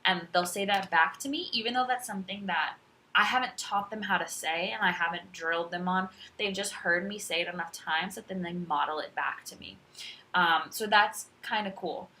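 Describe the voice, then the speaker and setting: A woman's voice: medium pitch, bright, forceful tone, a little hiss or hum, rough recording. A woman teacher giving a casual instructional talk, walking through classroom tips in a chatty, conversational way.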